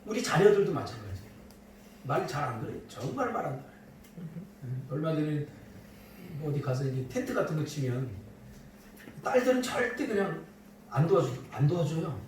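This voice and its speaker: Animated pastor preaching in an echoey church. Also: male voice, a little high, normal speed, pauses often, a little hiss or hum. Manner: animated preaching with playful asides to the congregation. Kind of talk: sermon. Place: church sanctuary. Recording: echoey church hall from a distant mic.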